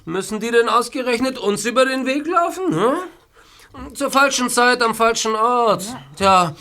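A man's voice: very high-pitched, animated, measured pace, pushed and bright, exaggerated voice. An actor playing a cruel, mocking male gang boss who gloats and chuckles, in a radio play. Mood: gloating.

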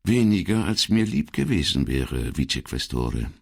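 A man voicing a polite, guarded middle-aged male police detective in a measured tone. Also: a bass voice, big pitch swings, creaky, breathy edge, exaggerated voice.

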